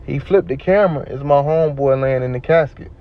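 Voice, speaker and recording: Speaking fairly quickly in a fairly high voice, this guest storyteller shares a personal anecdote casually, animatedly impersonating the characters and mimicking sirens. The audio is a bit dull, with faint noise.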